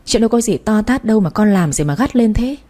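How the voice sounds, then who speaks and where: A woman's voice: mid-range voice, lively intonation, quick pace, warm tone, pitched above the performer's own voice, close to an everyday voice. A woman voicing a harsh, fearful mother. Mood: scolding, anxious.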